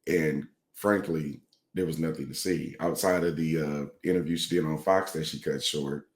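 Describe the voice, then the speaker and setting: A man's voice: rumbling low, fairly even intonation, moderate pace, roomy sound. A man co-hosting a podcast while sick, his voice scratchy, talking casually about politics. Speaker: podcast co-host.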